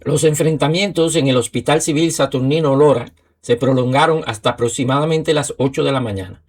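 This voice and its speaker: A man narrating a history documentary in a measured, steady way. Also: medium pitch.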